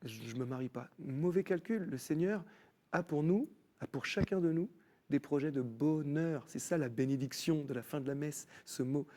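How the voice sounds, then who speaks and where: Man, TV studio guest, faith testimony, animated, restarts often. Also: a little high, moderate pace, slight background noise. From France. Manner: animated storytelling, many restarts. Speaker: guest musician.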